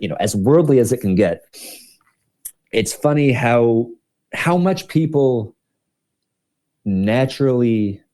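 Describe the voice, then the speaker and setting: A man's voice: on the low side, warm tone. A man telling personal stories in a rambling, casual way, full of fillers and restarts. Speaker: speaker in a live audio discussion.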